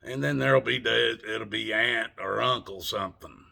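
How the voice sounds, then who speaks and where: An older man with a Southern US accent rambles to his camera in a casual vlog monologue, folksy and salty. His voice is lowish and creaky with a sharp tone, and he speaks at normal speed.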